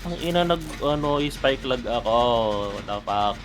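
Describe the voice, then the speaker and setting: A man's voice: mid-range voice, animated, normal speed, noisy background. A man chatting casually with friends while playing an online game, often musing aloud. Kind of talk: casual gaming chat.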